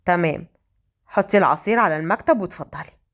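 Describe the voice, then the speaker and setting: A woman with an Egyptian accent voicing a moody young male company boss, speaking low and half-whispered. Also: fast, close to an everyday voice. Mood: cold, angry. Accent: Egyptian Arabic.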